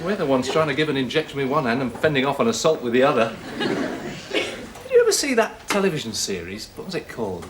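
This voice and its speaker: An actor playing a wry hospital anaesthetist, musing in dry, joking asides. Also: male voice, mid-range voice, very animated, quick pace, background noise, natural voice. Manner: dry, storytelling humour, musing.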